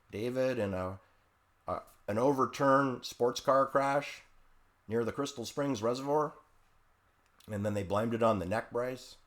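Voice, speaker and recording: A man delivering a rambling, emphatic monologue, repeating himself and dropping sarcastic asides. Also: medium pitch. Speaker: commentator. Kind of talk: conspiracy-minded monologue.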